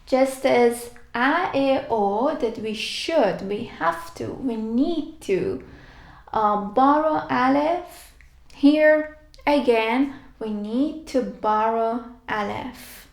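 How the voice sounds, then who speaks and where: Very slow, patient woman teaching letters. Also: on the high side, vocal fry, reverberant. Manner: patient, repeats words for practice. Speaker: language teacher. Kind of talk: slow step-by-step alphabet lesson.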